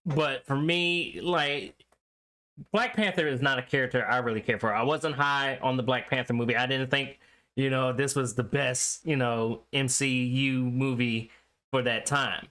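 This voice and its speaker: A man co-hosting a casual review chat, laid-back and quick to laugh, sometimes speeding up in bursts. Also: medium pitch, bright, forceful tone. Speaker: co-host.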